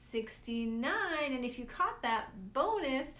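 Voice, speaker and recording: A woman in her fifties teaches a sign language lesson in an echoey room, counting aloud as she demonstrates signs. Her high, expressive, slightly bright voice goes slowly over a little hiss or hum, upbeat and encouraging, and she laughs at her own slips.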